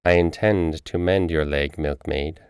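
A man reading the part of an aloof, ageless female witch, speaking slowly and tersely. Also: a bass voice, fairly even intonation, a little mellow, smooth, no room sound, clean studio sound. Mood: cold, curt.

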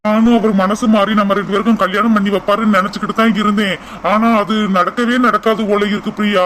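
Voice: mid-range voice, little pitch movement, fast, fairly bright tone, a little hiss or hum, natural voice, poor audio. A voice actor playing an earnest young man coaxing his sweetheart in a cartoon. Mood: earnest pleading. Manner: coaxing, keeps repeating her name. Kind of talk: cartoon voice acting.

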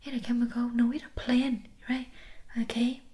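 A young woman playing a pushy shopkeeper in a whispered role-play, soft-spoken and breathy with a Vietnamese accent and clipped broken-English sales patter. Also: a little high, little pitch movement, moderate pace, natural voice. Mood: insistent, soft. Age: young adult. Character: pushy, persuasive female Vietnamese shopkeeper selling sleep remedies. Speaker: ASMR performer.

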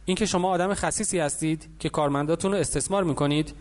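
A man's voice: on the high side, natural voice. A man voicing a young boy who is angry but curious in an audiobook. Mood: defiant.

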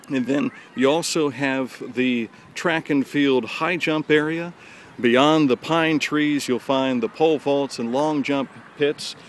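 This man speaks at a medium pitch, narrating a handheld walking tour as a local guide at an outdoor high school stadium. He's chatty and folksy, clearly proud of his hometown. Slight background noise comes through the handheld camera, held at arm's length.

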